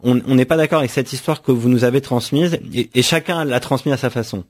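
A man's voice: medium pitch, quick pace, darkish tone. A young man from France speaks as a guest in a radio interview, answering at length in a reflective tone. He often stops, repeats a word, and restarts his sentence while he looks for the right phrasing. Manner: thoughtful, frequent restarts and repeated words. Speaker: author guest.

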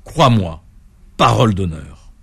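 A tiny wren, as a male storyteller puts him on, earnest and sure of himself in a low, quiet, husky voice. A small storybook boaster. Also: sing-song, slow pace, full character voice.

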